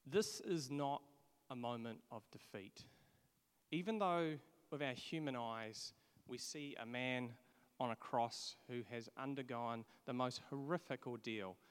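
A man from England delivering a sermon in an earnest, conversational way, often restarting his sentences. His voice sits at an ordinary pitch for a man. It carries a long reverb, as if recorded in a large church hall. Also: measured pace, smooth. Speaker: preacher.

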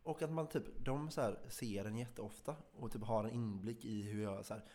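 A man's voice: fairly low pitch, dark tone. Male podcast co-host, casual musing delivery, easygoing. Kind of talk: casual chat.

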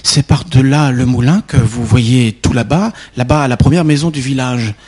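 A man's voice: mid-range voice, normal speed, a little mellow, husky, pitched above the performer's own voice, close to an everyday voice. A man putting on a naive little girl. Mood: eager.

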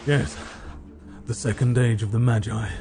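A man playing an ancient, pompous fantasy villain who proclaims slowly and grandly in a tabletop game. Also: medium pitch, fairly even intonation, over music, close to an everyday voice. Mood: grandiose. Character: grandiose male fantasy villain, old beyond counting, monologuing.

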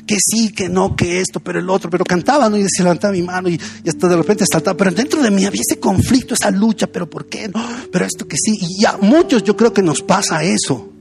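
High-voiced pastor preaching. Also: male voice, fast, gravelly, few pauses. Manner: conversational, anecdotal preaching. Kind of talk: sermon.

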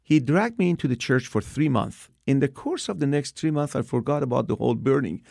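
A man's voice: medium pitch, lively intonation, brisk, vocal fry, a little mellow, no echo, studio quality. A man from Iran in his sixties with a Persian accent, earnestly telling his personal testimony with occasional restarts. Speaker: speaker giving his testimony.

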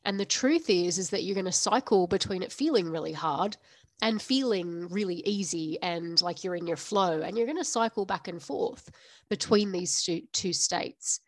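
Her voice lowish and a touch nasal from a post-flu stuffy nose, a woman hosts a business podcast in an unscripted monologue at a moderate pace. She speaks plainly, laughs a lot, and there's no echo.

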